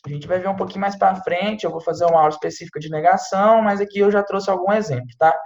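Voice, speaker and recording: Speaking fast with fairly even intonation, this man teaches French online in a casual, talkative manner, sprinkling in "tá?" and "né?" to check on his listeners. His voice is high, and the sound is roomy and dull.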